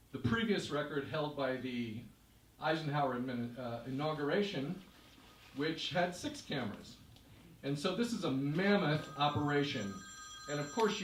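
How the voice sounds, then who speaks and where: A man performing a vivid live story on stage, narrating emphatically in the second person. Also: a little high. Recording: roomy stage, distant mic.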